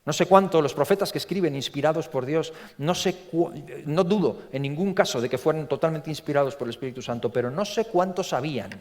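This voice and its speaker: Animated preacher from in a big hall. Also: male voice, a little high, brisk, few pauses. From Spain. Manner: animated, repeats words, acts out quotes in a story. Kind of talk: sermon. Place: large church. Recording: long reverb from a church hall.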